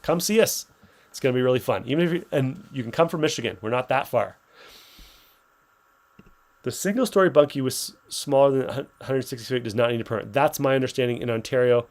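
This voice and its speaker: A man's voice: medium pitch, fast talker. A man hosting a livestream in an upbeat giveaway announcement style, casually reading out viewer comments and answering off the cuff. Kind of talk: upbeat giveaway announcement and live sales chat.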